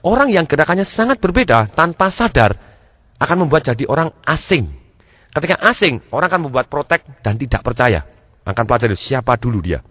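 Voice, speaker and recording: A man's voice: big pitch swings, fairly quick, fairly bright tone, no echo. A man giving a sales training lesson, acting out examples and shifting his delivery to demonstrate. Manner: demonstrative, acts out examples, shifts pitch and pace to show.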